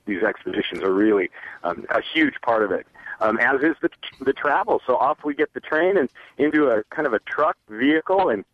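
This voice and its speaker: A man's voice: mid-range voice, animated, fairly quick, no echo, phone-quality sound. A man who works as a fly-fishing outfitter, a guest telling a trip story in an easygoing way with plenty of ums. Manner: easygoing, many um and uh fillers. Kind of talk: casual recounting of a trip.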